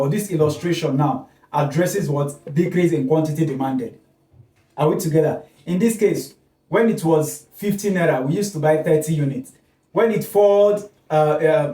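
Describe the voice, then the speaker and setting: A man's voice: on the high side, mellow. A man teaches an economics class, often asking questions and answering them himself and checking with "okay?". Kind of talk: classroom lecture at a board. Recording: echoey room, voice heard from a distance.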